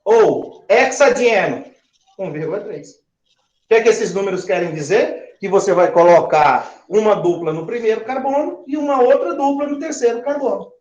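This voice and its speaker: A male chemistry teacher gives a classroom lecture in a high, animated voice with a darkish tone at normal speed. He asks the class questions and spells out syllables while counting aloud, all in a roomy, dull-sounding classroom recording.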